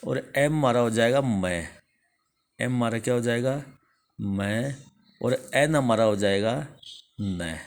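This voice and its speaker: Indian man, teacher, unhurried, repeats each answer, mid-pitched voice. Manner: slow, repeats each answer after asking it. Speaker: English teacher. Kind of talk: slow spoken alphabet lesson.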